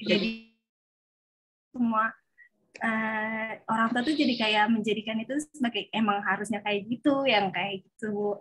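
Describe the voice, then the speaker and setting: A woman's voice: a little high, steady tone, moderate pace, fairly bright tone, a little hiss or hum, poor audio. A woman student speaking hesitantly in class, with many fillers as she asks a question.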